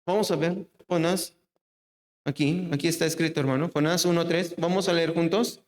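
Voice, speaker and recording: High-voiced Mexican preacher in a roomy hall. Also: male voice, steady tone, moderate pace. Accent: Mexican Spanish. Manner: rhetorical questions, drops low and soft for emphasis. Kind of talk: evangelical sermon.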